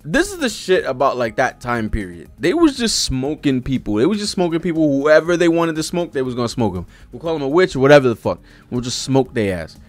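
A manga reaction streamer in his thirties talks in a fairly high voice with no echo. Working from a small indoor setup close to a desk-arm microphone, he reads panels aloud and reacts live with slangy, profane, casual commentary.

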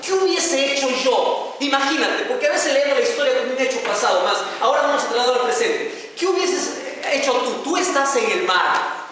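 A male pastor delivers a sermon in a big church sanctuary, his voice rising and falling widely as he questions the congregation. He stretches out key phrases slowly for weight. The sound is distant and heavily echoey, with a long reverb tail. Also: very high-pitched, lively intonation, fairly bright tone. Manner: asks the congregation rhetorical questions; slow, drawn-out emphasis on key phrases.

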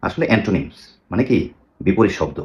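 A man with a very low voice gives a pronunciation lesson. He asks rhetorical questions and repeats each model word several times for his listeners. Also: expressive, fast, a little mellow, muffled recording. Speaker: English pronunciation teacher.

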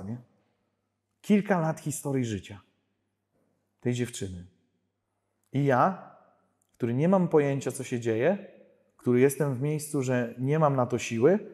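A man giving an animated personal testimony at a prayer group conference, acting out the dialogue in his stories. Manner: storytelling, acts out dialogue with pitch jumps. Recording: hall reverb.

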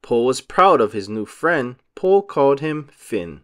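With a very animated delivery, a man reads from a children's storybook, carefully phrasing each short line for a young audience. His voice is pitched in the middle.

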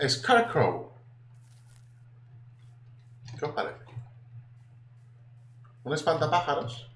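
Excitable man from Spain, lively voice. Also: fairly high pitch, extremely slow. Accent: Spanish from Spain. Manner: excitable, swears casually, chatty asides to viewers. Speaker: gaming YouTuber. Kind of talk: casual gameplay commentary. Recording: echoey room with faint noise.

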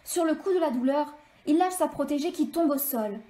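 High-voiced woman reading her novel. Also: normal speed, warm tone. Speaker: author. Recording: echoey room.

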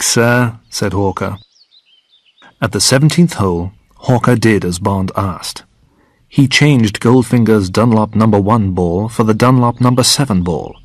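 A man reading a storybook aloud slowly and clearly as a listening exercise for English learners. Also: lowish voice, darkish tone, dry recording. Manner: slow, clear, deliberate reading. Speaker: narrator.

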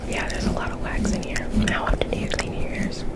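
A young adult woman doing an ASMR whispered role-play as an ear cleaner, speaking in a breathy, unvoiced whisper and giving instructions with repeated phrases. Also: brisk. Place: small bedroom, indoors.

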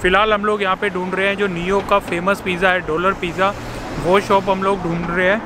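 A man's voice: sits high, flat delivery, fast. A man in his thirties from India with an Indian accent, chatting to a handheld camera as a travel vlogger on a busy city street, slipping English phrases into his talk. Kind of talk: casual vlog narration to camera. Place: busy city street and subway station outdoors. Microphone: handheld camera at arm's length. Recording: street noise behind.

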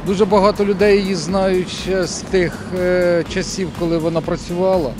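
A man's voice: high voice, level tone, fairly quick. A middle-aged man on the street firmly disagreeing in answer to a reporter. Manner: firm, disagreeing. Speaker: passer-by in street interview. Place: street by a park outdoors. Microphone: handheld reporter mic. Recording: music bed under voice.

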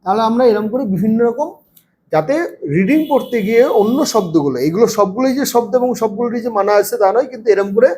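A man with a Bengali accent and a high-pitched, somewhat dark voice teaches young children to read. He patiently spells out words letter by letter and counts aloud.

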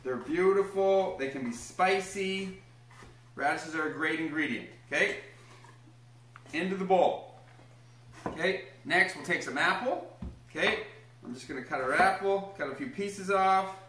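A man's voice: high voice, unhurried, fairly bright tone, a little hiss or hum. Upbeat young man teaching in a kitchen. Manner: upbeat, encouraging, talks to a small child while explaining steps. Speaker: home cooking host. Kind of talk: casual cooking demonstration. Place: home kitchen, indoors. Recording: echoey kitchen room.

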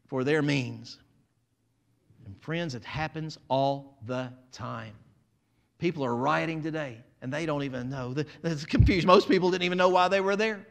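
Male pastor, lively, dramatic sermon, high-pitched and bright. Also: gravelly. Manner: dramatic, acts out crowd voices, swings from loud to quiet. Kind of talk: animated sermon.

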